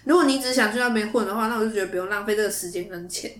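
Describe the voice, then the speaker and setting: A woman's voice: mid-range voice, rapid-fire, roomy sound. A young woman, co-hosting a casual podcast chat and giving frank opinions. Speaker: podcast co-host.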